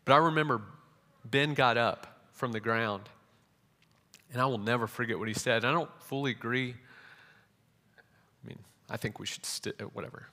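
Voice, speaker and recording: Brief: young male preacher, animated sermon storytelling, medium pitch, long church-hall reverb. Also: moderate pace, long pauses. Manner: animated, many restarts.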